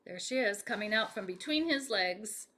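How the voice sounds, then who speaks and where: Reading a children's tale with lots of expression, this woman speaks straight to young listeners, animated and posing questions to them. She has a mid-range voice at a moderate pace.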